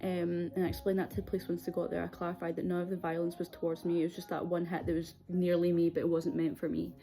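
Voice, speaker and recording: A woman's voice: lowish voice, completely flat delivery, fast, vocal fry, mellow. A young adult woman with a Scottish accent telling a personal story in a candid, hesitant, conversational way. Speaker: video series host.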